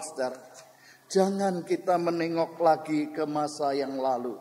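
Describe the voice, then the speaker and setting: An older Javanese-accented preacher with a high but dark, mellow voice delivers a lively sermon, addressing his congregation directly. His voice rings with a long echo through a church hall. The recording comes from an old cassette tape. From Central Java, Indonesia. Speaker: pastor.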